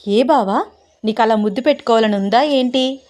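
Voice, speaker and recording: A woman's voice: fairly high pitch, moderate pace, a little mellow, lightly acted. A woman voicing a shy young wife who teases her husband, in a coy, playful, pleading way.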